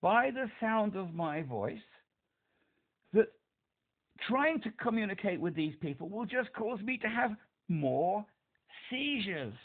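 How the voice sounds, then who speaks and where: Slow and sing-song, a man's high voice carries over a tinny phone line as he calls a helpline. He has a speech impediment and presses his point emphatically, repeating himself.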